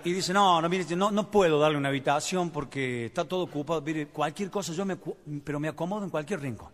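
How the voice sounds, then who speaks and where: A comedian with an Argentine Spanish accent tells stand-up jokes in a slightly high voice, talking fast, acting out characters with funny voices, and laughing along with them. Crowd noise from the audience sits behind him.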